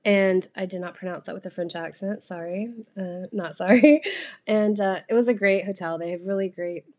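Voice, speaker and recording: A woman's voice: medium pitch, fairly even intonation, brisk, a little mellow. Chatty American woman vlogger, rambling. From United States. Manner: chatty, rambling, lots of fillers and casual cursing. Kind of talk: casual travel storytime.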